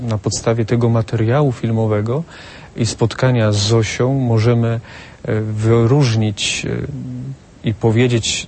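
A man hosts a studio discussion and puts formal, somewhat hesitant questions to his guests. His voice sits at an ordinary middle pitch. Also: a little mellow, a little hiss or hum. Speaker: talk show host.

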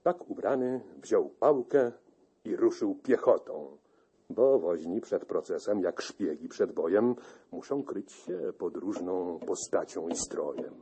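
A man narrating a classic narrative poem in a measured, expressive recitation. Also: sits low, slightly rough.

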